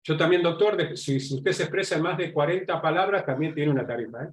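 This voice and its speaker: Argentine male lecturer, slightly raised pitch, chatty and explanatory, checks in with listeners constantly. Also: fast talker. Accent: Argentine Spanish. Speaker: lecturer on nonverbal communication. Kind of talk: live online class lecture.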